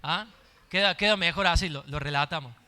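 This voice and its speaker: A man's voice: on the high side, brisk, bright, forceful tone. A male pastor preaching a sermon, repeating his phrases and building in intensity as he goes.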